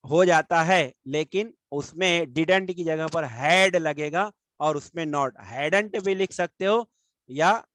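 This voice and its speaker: A man's voice: a little high, fairly bright tone, no room sound, poor audio. Dry-voiced Indian man teaching grammar. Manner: slows down and stretches out English example sentences. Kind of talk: grammar lesson explanation.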